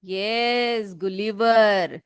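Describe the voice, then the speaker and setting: A woman teacher from North India, explaining English words and spelling them out slowly, often checking whether the pupils follow. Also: medium pitch, fairly even intonation, clean tone, no room sound, studio quality. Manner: slow, drawn-out spelling and frequent check-ins with pupils. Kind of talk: classroom English vocabulary lesson.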